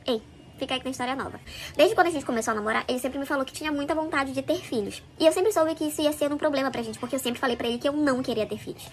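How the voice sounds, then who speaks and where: A woman's voice: high-pitched, racing, a little hiss or hum. A woman telling a first-person story in a chatty, confiding way, talking straight to her viewers.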